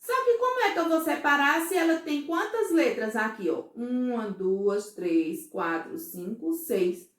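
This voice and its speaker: A woman records a remote first-grade class in Brazilian Portuguese, speaking slowly and patiently and often checking in with the children using "certo?" and "ó". Her voice is high-pitched and animated, with reverberation.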